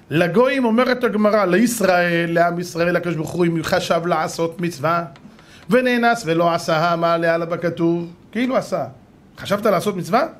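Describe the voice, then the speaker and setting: A man, a rabbi, giving an animated Torah lesson, firing rhetorical questions at his audience and acting out stories. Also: sits high.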